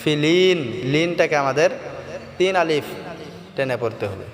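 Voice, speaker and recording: A man teaching Quran recitation in a tajweed lesson, explaining each sound and then chanting the verses slowly and melodically. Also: a little high, expressive. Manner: slow drawn-out melodic chanting between spoken explanations. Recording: long reverb with faint background music.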